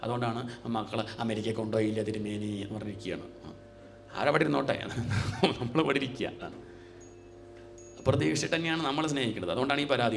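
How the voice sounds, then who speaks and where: A man's voice: medium pitch, gravelly. Middle-aged guy teaching scripture, easy chatty tone, asks the crowd questions, bit of hiss in back. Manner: conversational, asks the audience rhetorical questions; chants verses in a slow sing-song. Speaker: spiritual teacher. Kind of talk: devotional scripture discourse.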